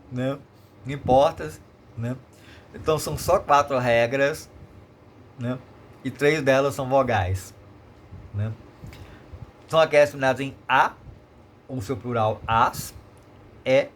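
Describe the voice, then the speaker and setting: A man's voice: medium pitch, a bit bright, a little hiss or hum. A Brazilian man teaching Portuguese grammar in a remote lesson, explaining patiently and checking in with short tag questions.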